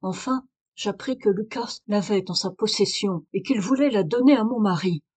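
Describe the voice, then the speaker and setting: A woman's voice: medium pitch, normal speed, darkish tone, breathy edge, natural voice. A woman reader voicing a desperate aristocratic young wife in a French audiobook, pleading and urgent. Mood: anxious confession. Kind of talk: audiobook reading of a detective story.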